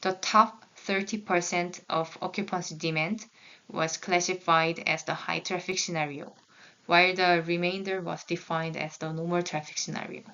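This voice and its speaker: Speaking in English, a graduate student whose native language is Korean presents her research, reading carefully while stopping and restarting in small ways. Her lowish voice is bright, forceful and clean, with fairly even intonation at a moderate pace. The recording is a little dull.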